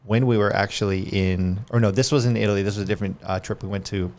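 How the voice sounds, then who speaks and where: A male podcast host with a low, gravelly voice talks at a quick clip. He is chatty and often repeats words as he starts a thought. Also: fairly even intonation, darkish tone. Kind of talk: casual interview talk.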